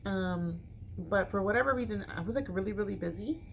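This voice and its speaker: A middle-aged American vlogger from Chicago, United States, chats casually to camera, rambling along in an informal, slangy way with her viewers. Her voice is medium-pitched, brisk and creaky, and the recording has noticeable background noise.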